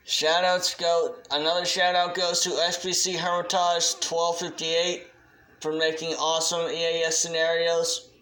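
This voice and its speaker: A hobby video creator, a man with a fairly high voice, makes an off-the-cuff shout-out, halting and deliberate. The recording is low quality and reverberant.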